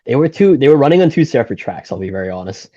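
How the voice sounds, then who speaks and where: With an American accent despite being from Singapore, this thirtysomething golf shop owner rambles easily through an interview, frequently pausing on fillers and beginning again. He speaks at a racing pace in a medium-pitched voice, captured in a dry, lo-fi recording.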